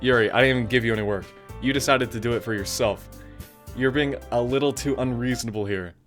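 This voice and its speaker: Brief: man playing a level-headed club president girl, mid pitch, faint music. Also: fast, fairly bright tone, natural voice. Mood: calm. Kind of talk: reading game dialogue aloud.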